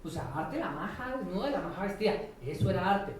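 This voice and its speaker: This Colombian man, a professor, delivers a loose, colloquial conference talk full of slang, irreverence and quick tag questions. He's a fast, expressive talker with a high-sitting voice, recorded in an echoey room through a distant mic with faint noise.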